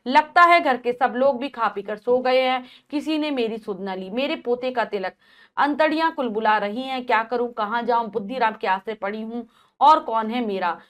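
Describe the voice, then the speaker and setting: A woman's voice: on the high side, moderate pace, fairly bright tone, natural voice. A woman reading the part of a frail, hungry old woman who pleads and laments, in a school play lesson. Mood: sorrowful.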